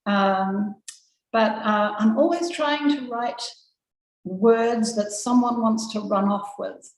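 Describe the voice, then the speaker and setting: A woman poet introducing herself on a panel, warm and reflective. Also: fairly high pitch, takes it slowly. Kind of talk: panel introduction and poetry recital. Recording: roomy echo.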